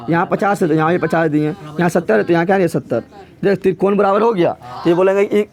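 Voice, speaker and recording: A man's voice: sits high, darkish tone. A man teaching math to a live class, repeating key words three times and asking the class to echo them back. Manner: repetitive call-and-response questioning. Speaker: math tutor.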